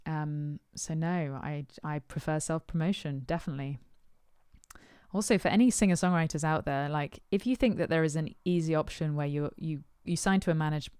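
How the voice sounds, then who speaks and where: Woman musician chatting through fan questions, deep and super smooth voice, lots of ums. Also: a little mellow, dry recording, studio quality. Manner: thoughtful, hesitant, with many ums and uhs. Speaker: musician answering supporters' questions. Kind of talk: casual Q&A chat.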